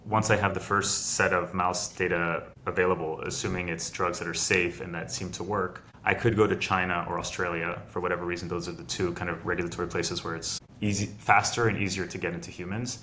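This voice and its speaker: Low-pitched and bright, the man's voice sounds pushed, with a little hiss or hum in the recording. He's a middle-aged French biotech founder, a guest in a casual video interview, laying out a long process step by step with restarts.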